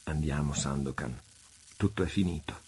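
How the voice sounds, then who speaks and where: A man reading Sandokan, deep tormented pirate. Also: level tone, unhurried, dark tone, slightly rough. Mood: anguished. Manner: fervent, desperate outbursts. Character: passionate tormented male pirate chief, the Tiger of Malaysia.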